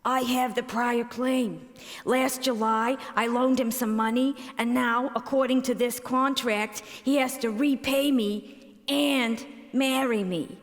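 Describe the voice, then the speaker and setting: A woman's voice: on the high side, fairly even intonation, slow. An actress playing Marcellina, a brash, scheming older woman who makes bold demands on stage. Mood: demanding. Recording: concert hall with long reverb.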